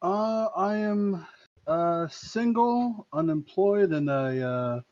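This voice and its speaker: A young man speaks in a lively, slightly high voice, pausing with hesitant fillers and poking fun at himself. His mic sounds dull and lo-fi. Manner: hesitant, self-deprecating. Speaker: podcast cohost. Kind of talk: casual group chat.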